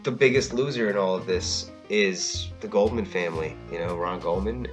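A man with a low voice talks in loose, rambling podcast chat, circling back on his points and often checking in with "you know what I mean". Faint guitar music plays softly behind him. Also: normal speed. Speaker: podcast co-host. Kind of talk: casual chat reviewing a TV drama.

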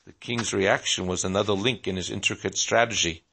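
Gravelly guy reading a story out loud, steady, trips over a word now and then. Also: low voice, brisk. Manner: steady, with small slips and restarts.

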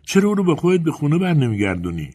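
A man voicing a chatty, curious little girl in an audiobook, raising his husky voice with eager questions. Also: fairly high pitch, big pitch swings, a little mellow, voice pushed up.

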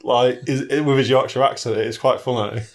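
A film and game reviewer chats casually in a two-person discussion, using a medium-pitched voice with fairly even intonation at normal speed. He rambles slightly while searching for his words.

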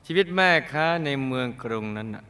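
Bright, crisp male storyteller. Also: mid-range voice, expressive, fairly quick. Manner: dramatic storytelling with playful asides and laughs. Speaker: storyteller host. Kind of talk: narrated true-life karma story.

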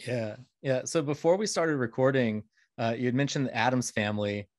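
A man's voice: mid-range voice, brisk, a little mellow, no room sound, studio quality. A man hosting a casual podcast interview, asking questions and chatting with many hesitations. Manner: chatty, hesitant with fillers, laughs easily. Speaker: podcast host.

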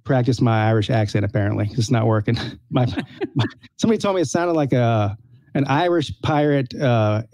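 A man's voice: medium pitch, brisk, darkish tone, dry recording. A man co-hosting a casual sports podcast, easygoing and upbeat as he talks about an upcoming game. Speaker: podcast co-host.

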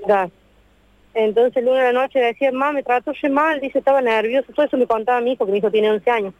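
A woman's voice: fairly high pitch, no room sound. A woman in her thirties with an Argentine accent, telling her story on a radio show in a distraught way and repeating herself. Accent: Argentine Spanish. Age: 30s. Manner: distraught, repeats herself, talks in long rushed runs. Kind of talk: emotional phone interview. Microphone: phone. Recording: dry tinny phone line.

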